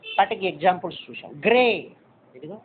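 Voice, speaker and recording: A man's voice: high-pitched, lively intonation, fairly quick, slight background noise. Man teaching, tinny phone-like sound. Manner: patient, repeats points and checks understanding. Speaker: shorthand teacher. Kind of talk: step-by-step classroom instruction.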